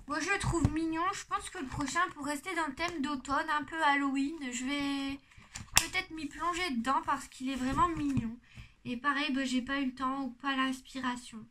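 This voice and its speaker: A woman's voice: high-pitched, a bit bright, slight background noise. A woman talking casually to camera as she shows her coloring books, chatty and hesitant, often restarting and trailing off. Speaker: coloring-book vlogger. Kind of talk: casual show-and-tell chat to camera. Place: indoors at home in sunlight.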